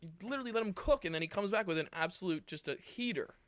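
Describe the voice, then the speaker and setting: A man co-hosting a podcast in casual chat, excitable and emphatic, swearing freely. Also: high voice, very fast, dry recording. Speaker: podcast co-host.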